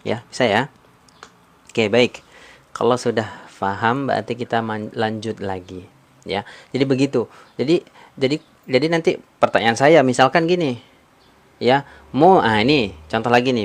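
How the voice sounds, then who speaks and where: A man teaching Quran recitation on a live stream, patiently repeating points, drawing out sounds slowly and coaxing viewers to answer in the comments. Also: medium pitch. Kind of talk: live-stream tajweed lesson.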